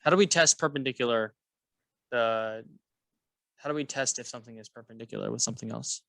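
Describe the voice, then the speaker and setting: A man's voice: mid-range voice, fairly quick, vocal fry, fairly bright tone, no echo. A man teaching math alongside a colleague, playful and jokey, guiding with questions. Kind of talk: co-teaching a lesson, casual banter.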